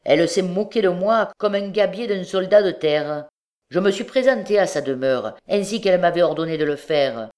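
A brazen male beggar full of mock humility and sly insolence, as a woman reading an audiobook puts him on. He sneers and needles, pushing his words out loud and low. The voice sits deep for a woman. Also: expressive, normal speed, natural voice. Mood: insolent.

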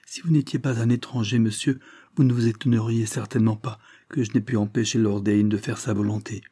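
A man's voice: lowish voice, steady tone, fairly quick, mellow, husky, dry recording, clean studio sound. A man voicing a flustered, humble male villager who pleads and defends himself. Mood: defensive.

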